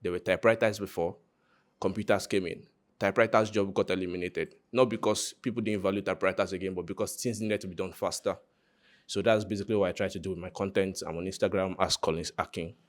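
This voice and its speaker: A man's voice: sits low, fairly even intonation, fast. A Nigerian man giving an informal, conversational live presentation of his project, joking and speaking directly to his listeners. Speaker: content creator presenting a hackathon project.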